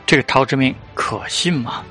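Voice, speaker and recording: A man reading a novel aloud as an audiobook narrator, in steady scripted narration. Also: mid-range voice, moderate pace, faint music behind.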